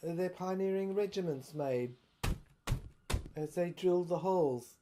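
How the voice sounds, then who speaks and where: Heavy background noise sits behind this natural, lowish female voice. She plays a haunted, obsessive inventor shut away by soldiers, delivering an audio drama monologue that halts, rambles and repeats words theatrically, all in a haunted, subdued mood.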